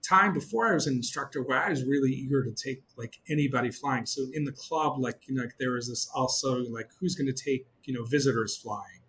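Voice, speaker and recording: Middle-aged israeli guy rambling about gliding, lots of you-knows, mid-pitch voice, slight hiss behind. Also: fairly quick, hardly any pauses, low-quality recording. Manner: animated, many fillers and restarts. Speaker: glider pilot guest. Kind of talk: casual storytelling interview.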